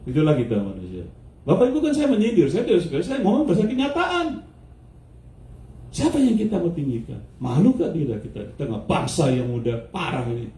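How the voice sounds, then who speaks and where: Pendeta pria berkhotbah dengan penuh semangat. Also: male voice, on the high side, big pitch swings, brisk, mellow. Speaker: pastor. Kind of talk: sermon. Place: church hall. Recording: echoey church hall, mic at a distance.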